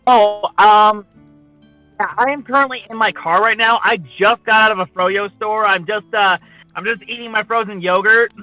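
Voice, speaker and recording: A man's voice: sits high, steady tone, moderate pace, pushed and bright, no room sound, faint music behind, rough recording. A man chatting casually from his car, heard through a Bluetooth speaker, easygoing and hesitant with fillers. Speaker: guest on a livestream. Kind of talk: casual chat.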